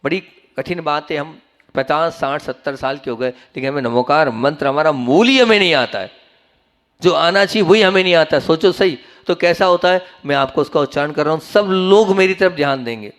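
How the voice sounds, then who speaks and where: A man, a monk, preaching a sermon to a gathering in an earnest, instructive way, teaching how to pronounce a mantra. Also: fairly quick. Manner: earnest, instructive, urges listeners to repeat and pay attention; swings between soft low phrases and raised emphatic ones.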